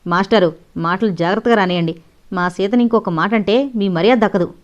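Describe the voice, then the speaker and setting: A woman's voice: mid-range voice, brisk, darkish tone, lightly acted. A woman voicing a bold young woman who speaks with sarcastic defiance, in an audio novel. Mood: defiant. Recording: dull lo-fi audio.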